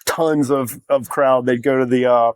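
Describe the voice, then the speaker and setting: A man's voice: mid-range voice, fairly even intonation, measured pace, dry recording, rough recording. A man in his forties from South Carolina, telling rambling, self-deprecating stories with lots of restarts as a guest on a comedy podcast. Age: 40s. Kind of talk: casual storytelling chat.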